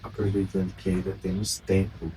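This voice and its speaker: A man's voice: low-pitched, monotone, normal speed, dark tone. A Brazilian man, a priest, giving an earnest homily at Mass, exhorting his listeners with rhetorical questions. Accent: Brazilian Portuguese. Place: church during Mass. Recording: distant mic with background noise.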